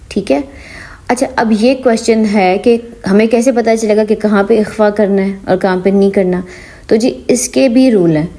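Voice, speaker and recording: Patient woman teaching, mellow voice. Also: mid-range voice. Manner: patient, asks "ok?" after each point; mixes English words into Urdu. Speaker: Quran reading teacher. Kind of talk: online Quran reading lesson.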